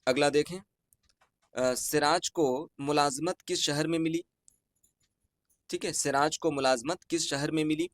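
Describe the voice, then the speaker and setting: A man with an Urdu-inflected Hindustani accent from Bihar, teaching online as he goes through an exam answer key, reading each question and its options slowly and then repeating the correct answer. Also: on the high side, steady tone, no room sound.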